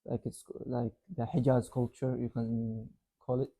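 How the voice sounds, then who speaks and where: In a laid-back interview chat, a young university student from Yemen who was raised in Saudi Arabia speaks in a very dark, mellow voice of medium pitch. He's unhurried and meandering, and he relies on "like" and "you know" throughout.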